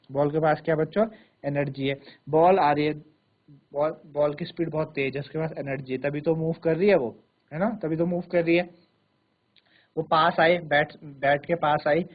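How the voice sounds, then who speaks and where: A male science teacher, lecturing pupils in a studio classroom, asking them questions again and again and dictating definitions slowly, word by word. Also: a little high. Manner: repetitive, quizzing questions to pupils. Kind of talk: classroom lecture in Hindi with English terms. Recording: thin phone-like sound.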